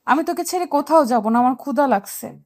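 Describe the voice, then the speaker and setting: A woman's voice: high voice, lively intonation, fast, no echo. A woman voicing a bossy, clingy young wife in a romantic audio drama, teasing and demanding.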